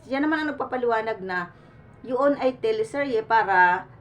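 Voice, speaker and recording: A woman's voice: on the high side, normal speed, dull audio. A woman talking casually to her viewers, earnest and pleading, restarting her sentences often and sweating in the heat. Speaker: vlogger. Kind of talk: casual reaction commentary to the camera. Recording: distant mic with faint room noise.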